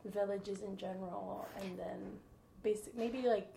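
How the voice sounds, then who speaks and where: A woman's voice: medium pitch, fairly even intonation, unhurried, vocal fry, dark tone, slight background noise, low-quality recording. A young woman from Guam conducting a casual interview, chatty and giggly, often trailing off mid-sentence. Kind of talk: casual oral-history interview.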